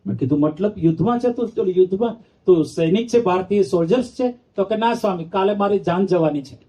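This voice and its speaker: Male monk with a lilt, high and mellow, telling teasing stories in a sermon. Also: fast talker. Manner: playful, acts out the characters, teases the audience. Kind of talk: storytelling sermon. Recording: dull lo-fi sound.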